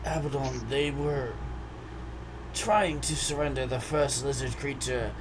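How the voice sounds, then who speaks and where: A man's voice: mid-range voice, measured pace, natural voice. A man voicing a sheltered, formal male adventurer who talks politely and hesitantly in a tabletop role-play, over a noisy hum. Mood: prim.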